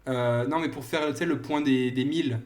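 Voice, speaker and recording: A man with a mid-pitched voice chats casually as a podcast co-host. He wanders through a story, pausing on fillers and correcting himself. The room around him is echoey. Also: steady tone, darkish tone. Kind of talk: casual chat.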